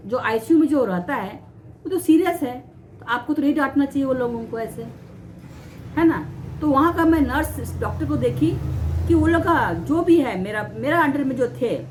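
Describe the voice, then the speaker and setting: A woman vlogger telling a personal story to camera, aggrieved and halting, often repeating and restarting words. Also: sits high, slight background noise. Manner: aggrieved, recounting mistreatment.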